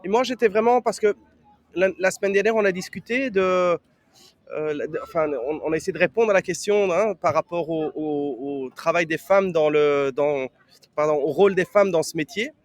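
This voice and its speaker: A man's voice: high-pitched, moderate pace, creaky, no room sound. A man co-hosting a podcast, explaining casually in a rambling way and often rephrasing himself. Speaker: podcast co-host.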